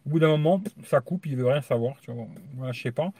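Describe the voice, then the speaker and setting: A YouTube tech channel host chats casually and crudely on a live stream in a medium-pitched, dark, husky voice at a quick pace, with no room sound. He rambles and tags nearly every phrase with the filler "tu vois."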